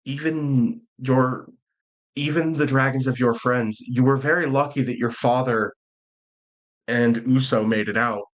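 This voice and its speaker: A man running a tabletop game as dungeon master, chatty and quick, laughing often. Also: mid-range voice, fairly even intonation, rough recording.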